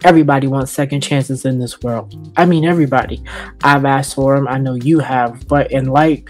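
A man's voice: mid-range voice, steady tone, a little fast, darkish tone. A man hosting a casual, sarcastic commentary, talking loosely and joking as he goes. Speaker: host. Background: background music.

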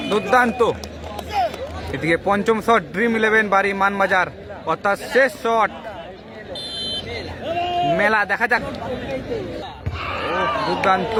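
A man calling a penalty shootout live, in excited, urgent football commentary full of repeated exclamations. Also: high voice. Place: outdoor football ground during a match. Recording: noisy outdoor stadium with loud crowd. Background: loud crowd and noise.

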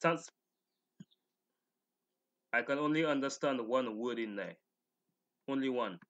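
A man's voice: mid-range voice, takes it slowly, fairly bright tone, muffled recording. Young man, casual slangy commentary. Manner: slangy, mocking, incredulous. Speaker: YouTube host reading and reacting to comments.

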